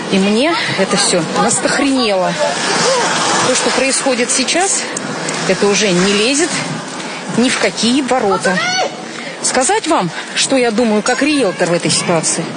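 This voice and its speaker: A woman in her forties, a realtor, speaking in a street interview in an exasperated, outspoken way. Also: mid-range voice. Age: 40s. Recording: loud street noise and crowd. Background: loud crowd and traffic.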